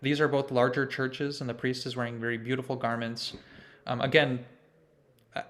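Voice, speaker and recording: A man's voice: mid-range voice, level tone, normal speed, fairly bright tone. A man presenting to a choir over a video call, explaining at length in a thoughtful way and often restarting his sentences. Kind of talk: online lecture with chant demonstration.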